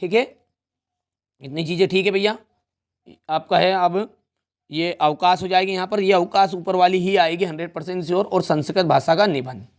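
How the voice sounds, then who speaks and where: A man's voice: high-pitched, moderate pace. A young man teaching an exam revision lesson, explaining step by step in a friendly way and often checking in with his students.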